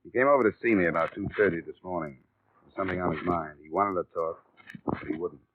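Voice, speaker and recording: A man's voice: low voice, quick pace, noisy background. An actor playing a tough, level-headed male private investigator who also narrates in clipped, matter-of-fact tones, heard as an old AM radio broadcast. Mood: terse. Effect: old AM radio broadcast sound. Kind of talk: 1950s radio drama acting and narration. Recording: tinny, narrow-band old radio broadcast. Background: music bed.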